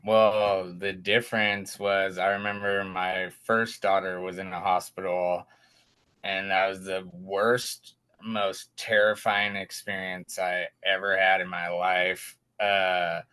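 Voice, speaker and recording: A young man, a guest father, telling his story in a casual, animated way and acting out the quotes. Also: takes it slowly, clean tone. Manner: animated, acts out quotes with raised pitch.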